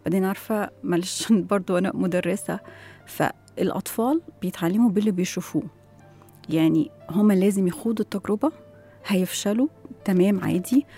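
A woman's voice: mid-range voice, quick pace, warm tone, breathy edge, soft background music. A woman with an Egyptian accent, a guest education expert, explaining her ideas in an interview and often asking rhetorical questions. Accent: Egyptian Arabic.

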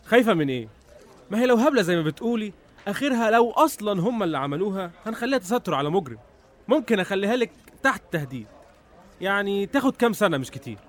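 Radio drama role: impatient Egyptian police investigator, very fast delivery, slightly high voice, sarcastic, intimidating. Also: male voice, very animated. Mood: menacing.

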